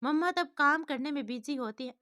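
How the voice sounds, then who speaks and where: A woman's voice: sits high, normal speed, pushed and bright. A woman voicing a cheeky three-year-old boy in a storybook tale, talking in a broken, childish way. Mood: innocent. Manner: childish broken lisping speech.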